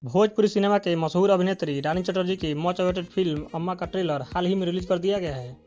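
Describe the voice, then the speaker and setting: High-voiced man reading a news voice-over. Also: quick pace, darkish tone, soft background music. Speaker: narrator. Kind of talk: scripted entertainment news voice-over.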